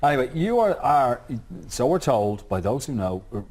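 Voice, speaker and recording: A man's voice: medium pitch, normal speed. Morning tv host guy, bouncy voice, keeps the chat going. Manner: lively, prompting. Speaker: TV presenter. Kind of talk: morning show interview.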